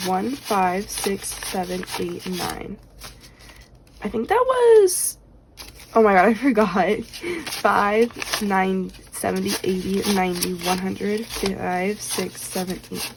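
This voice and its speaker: A budgeting vlogger chats casually while stuffing cash into budget envelopes, rambling with lots of fillers and counting bills aloud. Her mid-range voice has lively intonation and she takes it slowly, though she's slightly losing her voice. There's background noise.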